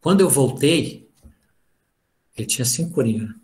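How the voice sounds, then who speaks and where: Speaking at normal speed with a darkish, expressive medium-pitched voice, a middle-aged spiritist study group lecturer shares family stories during a casual spiritual talk on a video call. He performs the family dialogue as he narrates.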